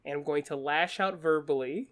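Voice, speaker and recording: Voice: medium pitch, normal speed, fairly bright tone. A player in a tabletop game, talking casually and swearing, and narrating what their character does.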